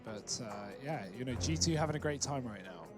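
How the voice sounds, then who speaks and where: A man's voice: medium pitch, expressive, a little fast. A man commentating an esports match, trading dry jokes and stats. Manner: dry, joking banter with fillers. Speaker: esports caster. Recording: broadcast with music bed. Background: music under the commentary.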